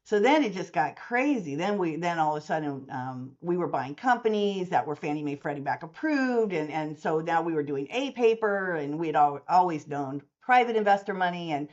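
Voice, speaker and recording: A woman's voice: lowish voice, normal speed, few pauses, muffled recording. A woman in her sixties, a mortgage services company owner, talking in a long-form interview and acting out the voices of people in her stories. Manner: animated storyteller who acts out quoted dialogue.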